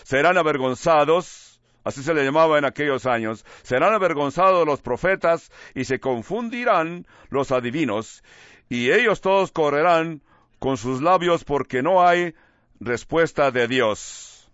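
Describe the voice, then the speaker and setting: A man's voice: a little high, animated, fairly bright tone, no room sound, highs cut off. A man preaching a sermon, reading verses and mimicking what people say in mocking voices. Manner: slow, emphatic preaching with mocking voiced quotes.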